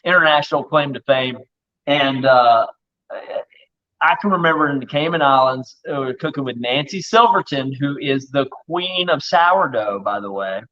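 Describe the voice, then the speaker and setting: A man speaking as a guest chef in a casual live-stream chat, telling stories in an excitable, rapid way. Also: mid-range voice, lo-fi sound.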